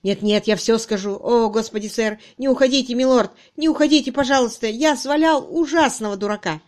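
A woman's voice: on the high side, moderate pace, darkish tone, natural voice. A woman reading an audiobook, voicing a frightened young male constable who begs and pleads. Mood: pleading. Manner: pleading, desperate.

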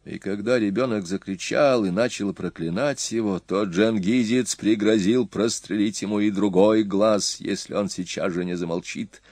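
A man's voice: lowish voice, normal speed, few pauses, darkish tone, dry recording, close to an everyday voice. A man voicing a shaken, earnest young prince in an audiobook, speaking in a trembling way.

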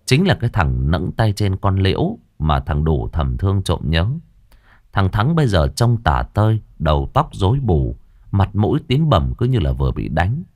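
A man tells a village ghost tale with dramatic, animated storytelling. His voice sits low, but the pitch swings widely as he builds the tension. The recording is dry and close to the mic. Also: moderate pace, no room sound. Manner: lively, dramatic, acts out characters.

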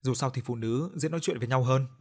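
A man voicing a composed middle-aged mother who speaks gently and practically to her daughter and to a grieving friend. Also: medium pitch, fast talker, natural voice. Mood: gentle comfort. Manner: soothing, steady.

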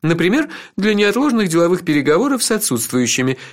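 Man playing a teasing worldly companion, higher voice, lively swoops, knowing, instructive. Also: quick pace.

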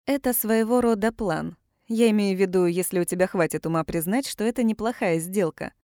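A woman's voice: mid-range voice, brisk, mellow, dry recording, studio quality, natural voice. A woman reading a bold, teasing woman. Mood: cheerful. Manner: teasing, blunt. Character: bold, teasing woman, former army doctor.

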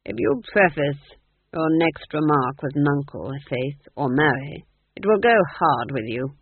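A man's voice: a little high, animated, unhurried, slightly rough, dry recording, full character voice. Man doing a cold scheming duke. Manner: clipped, menacing, dryly sarcastic. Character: cold, scheming middle-aged male duke. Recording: tinny phone-like audio.

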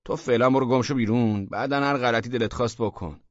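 A man's voice: medium pitch, no echo, muffled recording, close to an everyday voice. A man voicing a rude, pushy intruder in a blunt, bossy manner, in a storybook reading. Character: rude pushy man who broke into the flat.

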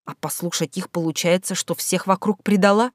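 A woman reading a first-person novel aloud with expressive, measured storytelling. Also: lowish voice, dry recording, studio quality. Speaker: audiobook narrator. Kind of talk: first-person audiobook narration.

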